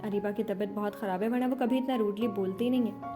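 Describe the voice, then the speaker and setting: A woman's voice: medium pitch, fairly even intonation, over music, natural voice. A woman voicing a sweet, cheerful young wife in a spoken novel, affectionate and coaxing.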